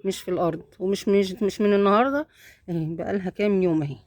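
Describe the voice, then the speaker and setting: Egyptian woman, casual phone vlog in the bedroom, soft and fond, dry sound. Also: mid-range voice, rapid-fire, no echo. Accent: Egyptian Arabic. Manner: talks softly and fondly to the cat and kittens. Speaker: vlogger filming her cat. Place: home bedroom.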